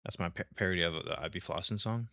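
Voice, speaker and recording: Young male gamer talking to himself, rambling and jokey, raspy with a bright tone. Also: sits low, fast. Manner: rambling, joking self-talk with meme quotes. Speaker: gaming video creator. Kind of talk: casual gameplay commentary.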